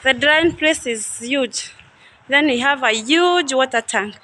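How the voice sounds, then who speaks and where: Speaking slowly with a high, sharp tone, a young woman vlogs her way through a coffee farm and factory outdoors. She chats casually, thinks out loud and is often unsure, holding the phone camera herself while slight background noise comes through.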